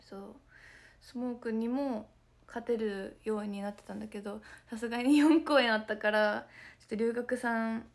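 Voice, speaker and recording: Hoarse young woman chatting softly. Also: on the high side, steady tone, normal speed. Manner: soft, chatty, often slips into a whisper. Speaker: idol group member streaming to fans. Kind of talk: casual livestream chat.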